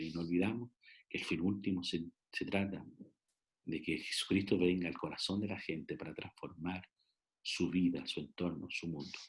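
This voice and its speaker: Male theology lecturer, slightly low voice, sermon-like delivery, emphatic and direct with the audience. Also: fairly bright tone. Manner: emphatic, addresses listeners directly with frequent "eh" restarts. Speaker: theology professor. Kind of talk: preaching-style lecture.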